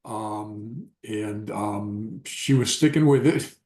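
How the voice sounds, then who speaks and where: A man in a workshop giving feedback on a classmate's exercise in a halting way, full of ums and uhs. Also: lowish voice, a little mellow, echoey room, slight background noise. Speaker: workshop participant. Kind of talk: giving feedback in a training session.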